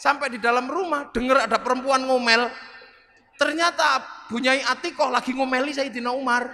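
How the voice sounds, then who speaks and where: A middle-aged man with a Javanese accent preaching a sermon full of jokes, animated and acting out the people in his stories. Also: very high-pitched, normal speed. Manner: animated, jokey, acts out voices. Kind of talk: humorous sermon storytelling. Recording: reverberant hall with faint noise.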